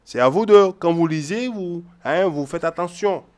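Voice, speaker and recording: A high male voice with a darkish tone speaks at normal speed, giving informal Bible instruction. He is repetitive and emphatic, often checking in with listeners by saying "ok?" and "hein?"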